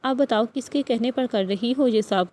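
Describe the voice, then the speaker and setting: A woman reads a stern, possessive young husband in an audiobook novel, issuing commands and threats. The voice sits fairly high and sounds mellow and soft-edged. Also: natural voice.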